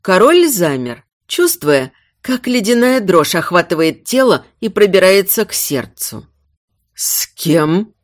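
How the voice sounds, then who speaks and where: A woman narrates a scripted audiobook with a lively, rising and falling voice. Her reading is measured and expressive, and the recording is dry and close with no room sound. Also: medium pitch, no room sound.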